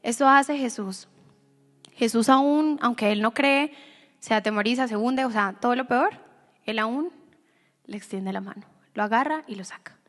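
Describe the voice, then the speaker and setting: Woman pastor, higher voice, sermon delivery, dramatic loud-to-whisper dynamics. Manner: dramatic swings from loud to whispered, slow emphatic phrasing. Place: church sanctuary. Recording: long reverb of a church hall.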